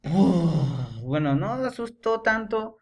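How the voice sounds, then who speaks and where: Excitable young male gamer. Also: high voice, takes it slowly, heavy background noise. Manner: excitable, chanting and yelling in panic. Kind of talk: horror gameplay commentary.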